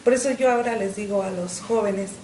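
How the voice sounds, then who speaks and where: A middle-aged woman, giving an earnest personal faith testimony in an interview, often pausing on "este" and repeating words. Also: mid-range voice, a little mellow, echoey room, slight background noise, rough recording. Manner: earnest, with frequent "este" fillers and repetitions. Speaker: interview guest.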